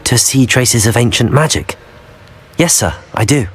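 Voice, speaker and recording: A man's voice: medium pitch, animated, unhurried, slightly rough. A young man playing a polite, earnest teenage wizard student in a video game. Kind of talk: video game character acting.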